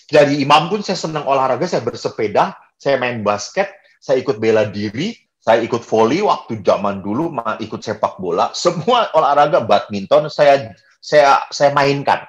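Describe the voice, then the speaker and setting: Priest telling stories with humor. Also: male voice, medium pitch, animated, normal speed, lo-fi sound. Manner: storytelling with humor, acts out quoted voices. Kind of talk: sermon.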